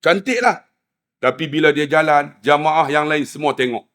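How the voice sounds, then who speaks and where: A man's voice: a little high, moderate pace, fairly bright tone. A man with a Malaysian Malay accent preaching a sermon, telling stories animatedly and acting out the dialogue. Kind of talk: storytelling sermon.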